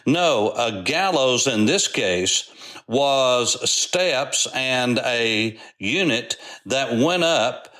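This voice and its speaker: A man's voice: medium pitch, lively intonation, extremely slow, fairly bright tone. A man preaching a sermon and explaining a Bible story, acting out the quoted lines. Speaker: pastor.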